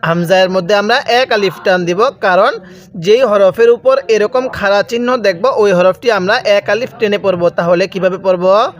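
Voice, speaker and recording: High-voiced man teaching Quran recitation. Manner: spells out letters, then recites words slowly and drawn out; asks the viewer questions and answers them himself. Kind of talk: step-by-step recitation lesson.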